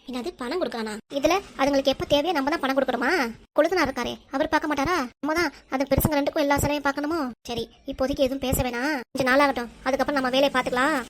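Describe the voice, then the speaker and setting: A woman's voice: sits high, fairly even intonation, racing, slight background noise, natural voice. A woman voicing a scheming whiny mother. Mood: plotting. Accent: Tirunelveli Tamil. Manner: complaining, whiny and plotting. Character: scheming middle-aged mother who fakes crying. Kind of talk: cartoon voice acting.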